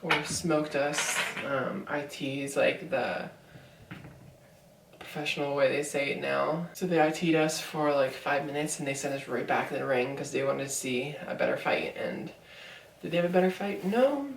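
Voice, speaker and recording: A woman's voice: low-pitched, normal speed, creaky, distant mic, a little hiss or hum. A young woman in her twenties telling a story in a casual vlog, rambling with lots of fillers. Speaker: vlogger. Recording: echoey room, voice from off mic.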